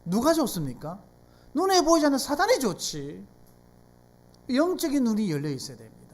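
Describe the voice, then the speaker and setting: A pastor with a Gyeongsang Korean accent delivers a sermon in a church sanctuary. The speech rises and falls with a lively, animated pitch. It is conversational preaching, with one rhetorical question after another to the people in the pews. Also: brisk. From South Korea.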